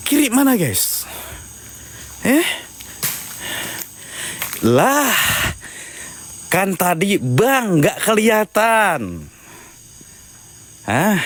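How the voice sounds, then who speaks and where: A man with a high, fairly bright voice livestreams a ghost hunt outdoors at night at a haunted spot. He chats to his viewers, recites incantations, and asks them to share the stream.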